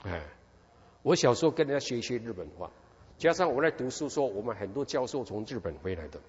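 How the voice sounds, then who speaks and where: Animated preacher man in a hall. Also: medium pitch, fast talker. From Taiwan. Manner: animated storytelling, constant rhetorical questions. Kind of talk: sermon with personal testimony. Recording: dull recording in a reverberant hall.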